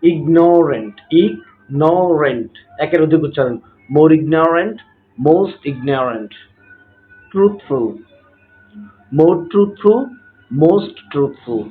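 A man teaches a grammar lesson at an unhurried pace, stretching each example word out carefully. His voice sits a little high. The sound is thin and phone-like. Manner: slow, patient, drawn-out word examples; repeats a set phrase after each point. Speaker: English teacher. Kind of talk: grammar lesson explaining notes.

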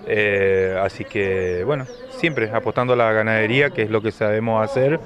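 Middle-aged argentine rancher guy, lowish voice, interview outdoors, crowd behind him. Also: normal speed. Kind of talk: interview answer. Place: outdoors on grass by parked vehicles. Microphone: handheld interview microphone. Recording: dull field sound, crowd behind.

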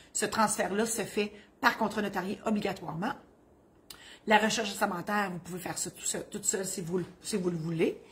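A middle-aged woman speaks with a Quebec French accent, sitting at a mid pitch for her voice. She answers legal questions as a notary in a loose, joking manner. She wanders off into asides and then comes back to explain things in plain words. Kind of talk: humorous legal advice column.

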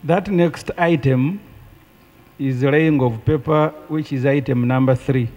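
A man's voice: medium pitch, slow pace, darkish tone, dull audio. A middle-aged man with a Ugandan accent arguing a point of procedure in parliament. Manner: argumentative, pointed. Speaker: opposition member of parliament. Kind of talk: parliamentary debate. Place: large parliament chamber. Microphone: desk microphone. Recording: long chamber reverb.

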